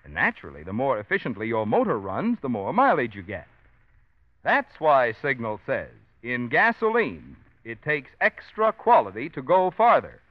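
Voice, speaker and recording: A man's voice: mid-range voice, huge pitch swings, moderate pace, dry recording. Confident old-time radio announcer, man. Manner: smooth, salesman-like, confident. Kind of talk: 1940s radio sponsor announcement. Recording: dry, dull old radio broadcast.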